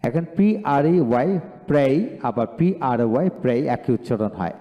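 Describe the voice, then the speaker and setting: A man's voice: mid-range voice, animated, fairly quick, dark tone, highs cut off. A man teaching English pronunciation, saying each word twice and then explaining how it is spelled. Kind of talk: pronunciation drill lesson. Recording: long hall reverb.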